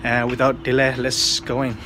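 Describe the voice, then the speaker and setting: A man in his thirties talks to a phone held at arm's length, rambling through fillers and restarts. His voice stays flat and even in pitch. Street and car noise comes through clearly behind him. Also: moderate pace. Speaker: vlogger. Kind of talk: casual vlog to camera. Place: outdoors on city streets, partly in a car.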